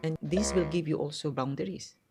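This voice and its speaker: A middle-aged self-help vlogger counts down a numbered list of life advice in a casual, earnest, direct manner with loose phrasing. Her low, hard, tight voice gets mistaken for a man's on the phone. Though she's in a quiet spot at home, loud music plays behind her voice, and she talks a little fast.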